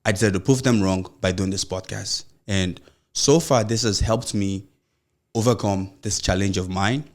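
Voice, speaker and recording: Here a young adult podcast host with a Nigerian accent speaks alone on motivational themes in a lowish voice at normal speed. He has a mild stammer and an earnest, encouraging style, letting sentences sprawl with repeated "you know."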